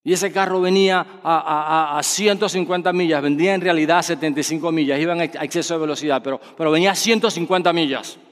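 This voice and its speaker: A man's voice: a little high, steady tone, fast, few pauses. A man preaching a sermon, projecting his voice and asking the congregation rhetorical questions. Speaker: pastor. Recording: long reverb of a church hall.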